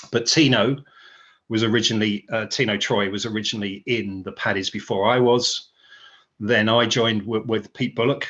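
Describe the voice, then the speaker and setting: A man's voice: fairly low pitch, fairly bright tone, lo-fi sound. A British man, a guitarist being interviewed, talking casually and rambling with fillers and restarts. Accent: British English.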